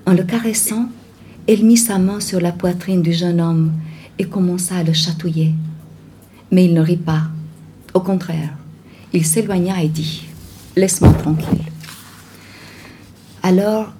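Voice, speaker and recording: A woman reading a novel aloud in a calm, measured way. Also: on the low side, a little hiss or hum. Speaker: audiobook narrator.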